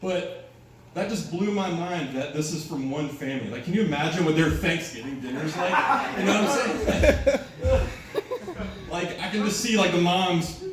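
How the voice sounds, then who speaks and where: A man's voice: a little high, moderate pace, crowd noise. A man performing a conversational stand-up comedy set at an open mic, telling stories and slipping into quoted voices. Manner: conversational storytelling with put-on voices. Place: live open-mic venue with a small audience. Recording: echoey room, distant mic, noisy.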